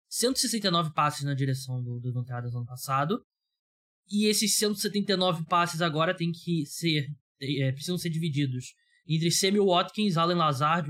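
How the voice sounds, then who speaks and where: A man's voice: on the high side, moderate pace, a bit bright. A Brazilian man hosting a sports podcast in casual, joking, self-deprecating chat. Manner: informal, jokey, self-deprecating. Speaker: podcast host.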